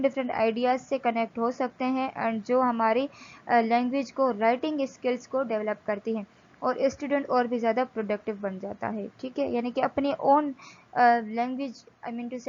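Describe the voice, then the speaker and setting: A woman lecturing from slides, reading English text slowly and explaining it in Hindi. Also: fairly high pitch, darkish tone, highs cut off.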